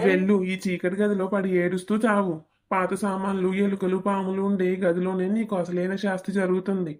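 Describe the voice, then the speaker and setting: Karthik is a hot-tempered young husband in a cartoon family drama, voiced by a woman. He barks threats and insults in a flat, even delivery with an ordinary mid pitch. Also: close to an everyday voice. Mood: menacing. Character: furious rural husband, young man, threatening.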